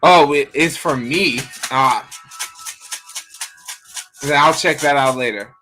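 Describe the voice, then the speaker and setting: A man's voice: mid-range voice, slow pace, sharp tone, soft background music, rough recording. A man giving a casual, rambling live-stream reading, talking to his viewers by name. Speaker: online rune reader.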